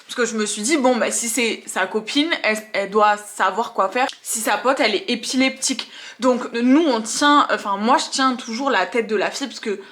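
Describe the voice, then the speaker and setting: A woman tattoo artist recounts stories from her work to camera. Her voice sits a little high and has a bright edge. She tells it in an animated way, acting out the scenes as she goes. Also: moderate pace. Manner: animated, acts out scenes and quotes. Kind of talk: storytelling vlog.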